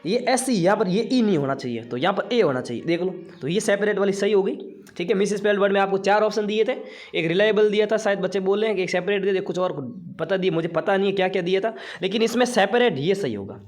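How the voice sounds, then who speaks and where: A man's voice: high-pitched, fast. A man teaching an online exam-prep class in casual Hindi with a Rajasthani accent, chatty and repeating himself, often checking in with "ठीक है".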